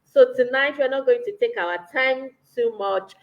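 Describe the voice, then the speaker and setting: A woman's voice: sits high, moderate pace, muffled recording. A woman from Nigeria, hosting a live online show in an upbeat, welcoming way. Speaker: host.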